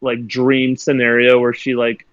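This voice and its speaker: A man's voice: mid-range voice, monotone, a little slow, no echo. A man co-hosting a casual wrestling recap podcast, rambling with lots of "like" fillers and blunt opinions. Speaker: podcast co-host. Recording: slightly muffled dry recording.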